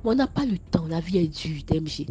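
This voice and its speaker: A young woman from Ivory Coast with an Ivorian French accent speaks directly to her viewers in a casual storytime vlog, animated and stammering, switching between scolding and telling her story. Her voice is low-pitched and fairly quick, and the recording is muffled.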